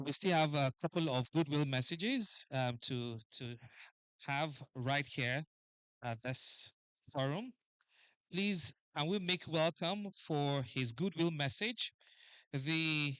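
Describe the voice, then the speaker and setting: A man's voice: on the high side, clean tone, no room sound, rough recording. Male emcee rousing the crowd. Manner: lively, keeps urging the crowd to applaud. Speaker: master of ceremonies. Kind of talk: live event hosting.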